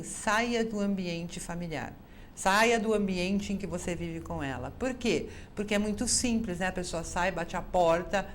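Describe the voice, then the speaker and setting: A woman's voice: on the low side, a little hiss or hum. A woman with a Brazilian Portuguese accent hosting an advice show as a psychologist, talking straight to viewers and acting out the quoted lines herself. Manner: lively, acts out quoted dialogue. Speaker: psychologist host.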